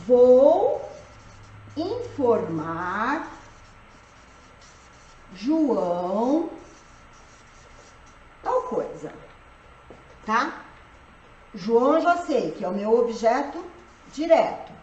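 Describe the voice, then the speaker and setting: A woman's voice: on the high side, sing-song, dull audio, slight background noise. A woman teaching grammar for exams in a live online lesson, checking often that her students follow. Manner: explains slowly, checks understanding with "tá?" and "gente". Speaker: Portuguese teacher for civil service exams. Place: room at home, live stream. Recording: roomy echo.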